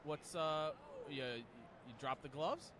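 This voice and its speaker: A man's voice: fairly high pitch, slow, a bit bright. A man co-hosting a radio show, asking casual questions and joking around. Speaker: radio co-host. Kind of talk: casual radio-row chat.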